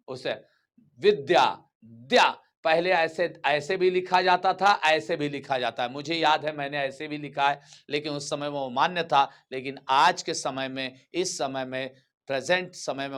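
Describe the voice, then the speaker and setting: A man's voice: a little high, a bit bright. A man teaches a grammar lesson in a slightly raised register. He drills his students by asking a question and then answering it himself, repeating the key term again and again. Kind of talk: classroom grammar lecture.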